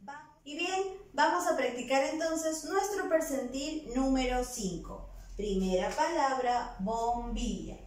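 Recorded far from the microphone in a room with echo, a high-voiced woman leads an online primary class. She dictates each word slowly and patiently, breaking it into syllables.

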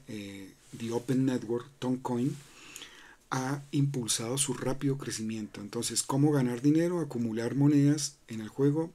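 Over a screen-recorded walkthrough, a crypto channel host talks with a mellow, mid-range voice. He speaks loosely, with lots of fillers and false starts, and often asks "¿no?" at the end of his points.

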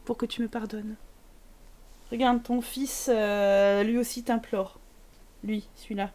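A woman's voice: on the high side, steady tone, slow, warm tone. A woman streaming a life-sim game, joking crudely and talking to the characters on screen. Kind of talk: casual gameplay commentary.

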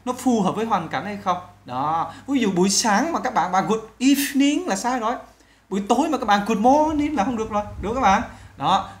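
Sex: woman. Role: English teacher. Style: online lesson, models phrases slowly. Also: mid-range voice. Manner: explains in Vietnamese and slowly models English phrases for learners to repeat; addresses viewers directly and often.

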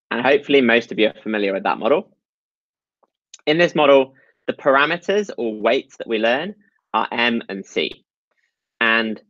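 A man's voice: mid-range voice, fairly bright tone, no echo, dull audio. A man giving a technical talk over slides at an online meetup, explaining step by step with frequent ums and uhs. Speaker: meetup presenter.

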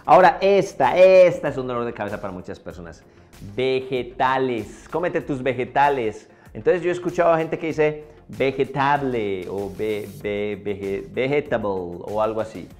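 A man leads a pronunciation lesson, his pitch rising and falling with animation. He spells out and repeats each word slowly, with soft music playing underneath. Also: animated. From Colombia. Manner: drills words slowly, repeating each one. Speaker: English teacher.

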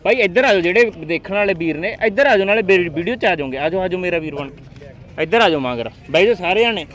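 A man's voice: high-pitched, animated, fast talker, a bit bright. A man with a Punjabi accent hosting a market video, coaxing people and pressing sellers on price. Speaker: livestock market video host brokering a deal. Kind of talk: lively haggling at a market. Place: outdoor livestock market.

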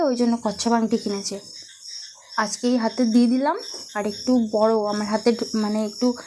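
A young woman with a Bengali accent talks quietly and unhurriedly to her vlog viewers, her voice sitting a bit high. She fills pauses with little hums as crickets and insects sound faintly in the night behind her. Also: slight background noise. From India. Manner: soft-spoken, unhurried, many fillers. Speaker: vlogger. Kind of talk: casual chat to viewers. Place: home veranda at night.

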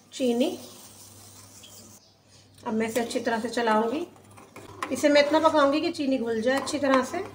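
High-voiced woman explaining a recipe. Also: reverberant, slight background noise. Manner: chatty step-by-step explaining. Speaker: cooking channel host. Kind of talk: casual recipe voice-over. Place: home kitchen.

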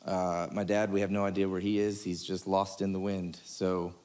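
A pastor hosting a casual church livestream talk, loose and joking, with lots of fillers. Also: male voice, deep voice, level tone, a little fast, a little mellow. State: out of breath. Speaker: pastor and podcast host. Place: church room, on a couch.

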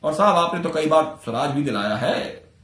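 A man's voice: on the high side, animated, normal speed, a bit bright. A man voicing a smug male police inspector who teases with sarcastic politeness, in an echoey room. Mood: mocking. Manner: smiling, teasing, sarcastic.

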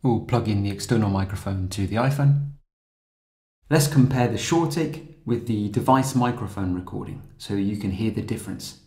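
Guy explaining audio software step by step, lowish dark voice, kinda roomy sound. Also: moderate pace. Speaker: software tutorial narrator. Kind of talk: scripted tutorial narration.

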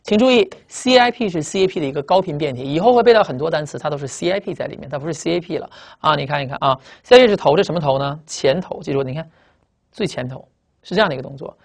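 A teacher giving a classroom vocabulary lecture at a board, emphatic, asking rhetorical questions and spelling words out letter by letter. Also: mid-range voice. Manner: spells out letters and drags out target words slowly.

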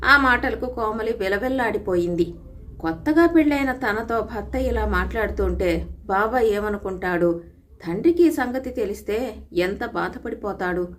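A woman storyteller reading a moral folk tale in a steady, scripted narration. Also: mid-range voice, normal speed.

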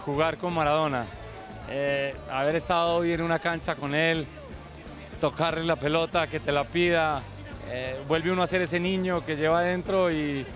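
A man's voice: fairly high pitch, fairly even intonation, normal speed, over music. Reflective man in a stadium interview. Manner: reflective, thoughtful speech. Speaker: interviewee at football event. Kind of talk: post-match interview. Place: outdoors at a stadium at night. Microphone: handheld interview mic.

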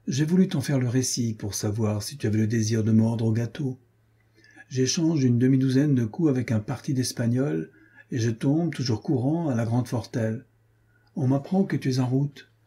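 A man voicing a boisterous, swaggering young nobleman who is out of breath and talks in a loud, mocking tone. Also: mid-range voice, husky.

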